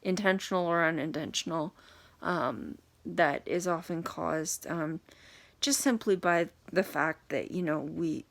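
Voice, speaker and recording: A young woman giving an unscripted talk to camera, halting and hesitant, with many pauses and fillers. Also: fairly low pitch, creaky. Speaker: video blogger reviewing a book.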